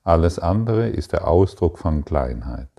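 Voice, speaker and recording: Very deep, slow-spoken man teaching. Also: very animated, gravelly, mellow. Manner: slow, deliberate, answers his own rhetorical questions. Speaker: spiritual teacher. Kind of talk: spiritual teaching with readings from a text.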